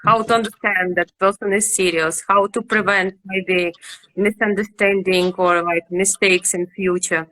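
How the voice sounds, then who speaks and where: A woman's voice: mid-range voice, steady tone, rough recording. A woman hosting an interview, asking questions and eagerly agreeing with her guest's answers. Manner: warm, encouraging, quick to agree. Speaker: interview host.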